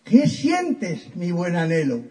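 A man's voice: high-pitched, wildly swooping pitch, takes it slowly, a little mellow, voice pushed down, full character voice. A man voicing a lovesick young noblewoman who declaims overwrought, mock-tragic verse in a comic poem. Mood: melodramatic.

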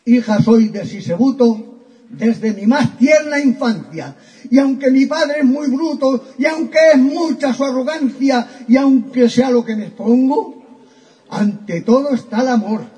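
A man's voice: very high voice, a little slow, warm tone. A man doing a melodramatic lovesick noblewoman. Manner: overwrought, mock-tragic verse.

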